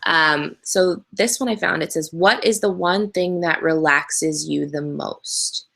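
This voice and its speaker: A young Canadian woman hosts a casual live Q&A over a webcam video hangout, answering viewer questions in a chatty, candid way, laughing easily and saying um a lot. Her low, gravelly voice has a fairly bright tone and moves at a slow pace.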